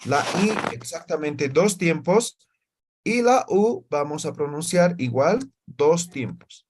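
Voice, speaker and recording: A man teaching a language class, explaining step by step and checking often that students follow. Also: a little high. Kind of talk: classroom lesson.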